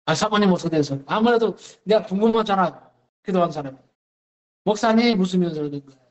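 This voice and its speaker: A male pastor preaching a Wednesday service sermon, telling a story with lively acted-out dialogue. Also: high-pitched, fast talker, muffled recording. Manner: animated storytelling, acts out dialogue. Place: church sanctuary.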